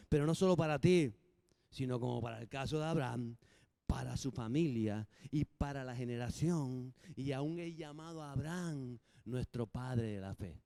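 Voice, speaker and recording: A man preaching a sermon, lively and humorous, acting out little dialogues between the points. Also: medium pitch, dry recording. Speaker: pastor.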